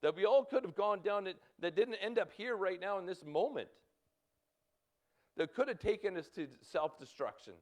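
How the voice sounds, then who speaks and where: Fifties male pastor, Canadian accent, high and animated delivery, halting and urgent. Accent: Canadian English. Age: 50s. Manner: halting, repeats words, urgent exhortations. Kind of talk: sermon.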